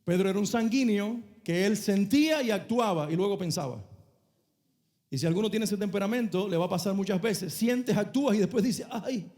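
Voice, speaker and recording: A male pastor preaching a sermon, telling a story with dramatic shifts between soft and loud delivery and asking the congregation to repeat phrases. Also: sits high, a little fast.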